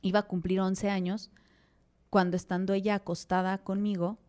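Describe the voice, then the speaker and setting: A woman's voice: mid-range voice, flat delivery, moderate pace, darkish tone, clean tone. A Mexican woman, a mother and podcast guest, telling her story animatedly, acting out dialogue with many fillers. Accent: Mexican Spanish. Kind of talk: interview conversation.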